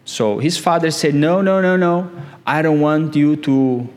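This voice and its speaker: A man preaching a sermon in slow, emphatic phrases, his voice climbing on the key words. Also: on the high side, darkish tone. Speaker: pastor.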